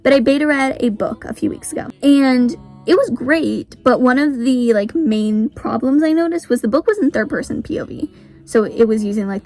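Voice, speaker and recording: A woman's voice: a little high, vocal fry, darkish tone. A teenage girl talking casually about writing in a vlog, saying "like" constantly. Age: teens. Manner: chatty, says "like" very often. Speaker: author.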